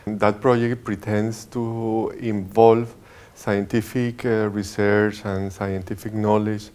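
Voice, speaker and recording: Low-voiced man from Colombia, searching for words. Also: level tone, takes it slowly, darkish tone. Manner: searching for words, many fillers. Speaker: research center director. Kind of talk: interview answers.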